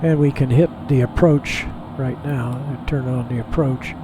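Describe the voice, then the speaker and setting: A male pilot speaking into his cockpit headset, giving a relaxed, folksy running commentary while he flies. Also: medium pitch, normal speed. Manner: relaxed, folksy, thinking aloud. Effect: pilot cockpit headset sound. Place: aircraft cockpit in flight. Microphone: pilot's cockpit headset mic. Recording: headset mic over steady cockpit engine noise.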